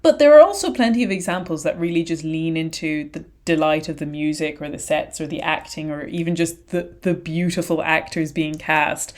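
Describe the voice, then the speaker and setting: A woman's voice: lowish voice, darkish tone. A woman co-hosting a podcast in casual conversation, thinking aloud in long, wandering sentences with frequent restarts. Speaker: podcast co-host.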